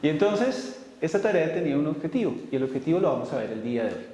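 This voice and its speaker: A man's voice: on the high side, sing-song, fast, warm tone. A man teaching a class, walking students through rules and often stopping to check they follow. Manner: keeps checking in with students, questioning tone. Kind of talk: classroom lecture. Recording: very echoey hall with faint noise.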